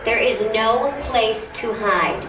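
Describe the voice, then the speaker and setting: Woman's ominous announcement over an outdoor loudspeaker. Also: fairly high pitch. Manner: ominous, deliberate. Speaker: park announcer. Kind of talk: scripted warning announcement. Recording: echoey distant loudspeaker with music and crowd.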